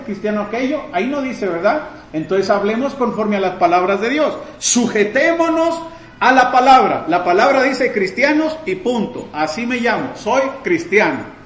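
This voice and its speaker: A man with a very high voice preaching a sermon in an echoey room. He fires rhetorical questions at his listeners and answers them, swinging between loud emphatic bursts and calmer explaining stretches. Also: a little hiss or hum.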